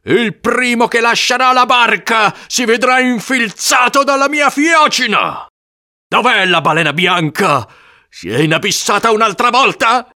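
A woman's voice: fairly high pitch, expressive, a little slow, voice pushed up. A woman voicing a fierce, obsessed male sea captain who barks orders at his crew in a storybook reading. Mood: commanding, furious. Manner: shouted orders, raised and strained.

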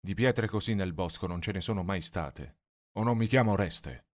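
A man's voice: low voice, moderate pace, close to an everyday voice. A man reading a storybook and voicing a big, burly woodsman who talks as if he knows everything, in a blunt, self-assured way.

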